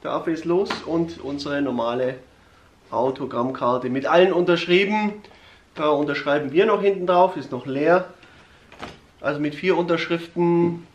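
A man's voice: a little high, moderate pace, lo-fi sound. A middle-aged man hosting a family vlog, making a casual announcement to the camera. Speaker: family channel host. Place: living room. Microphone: camera a short distance away. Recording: echoey room, faint noise.

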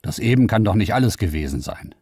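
A man voicing a weary, lonely young male researcher who talks quietly and thoughtfully. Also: lowish voice, sing-song, quick pace, breathy edge, no echo, studio quality.

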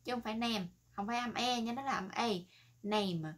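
Woman doing a casual english lesson video, chatty, says words over and over slowly. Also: on the high side, fairly even intonation. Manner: often ends phrases with soft tags. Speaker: English teacher.

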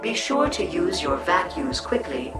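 A woman voicing a calm, formal female station computer that announces orders in a video game. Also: on the low side, measured pace. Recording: roomy distant voice over loud game music.

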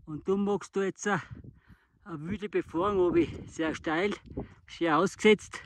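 A man's voice: high-pitched, fairly even intonation, measured pace. A man with an Austrian accent chatting cheerfully in dialect on a mountain summit. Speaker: ski mountaineering partner. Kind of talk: casual chat on a summit. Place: outdoors on a snowy mountain summit. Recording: loud wind noise on an outdoor camera mic.

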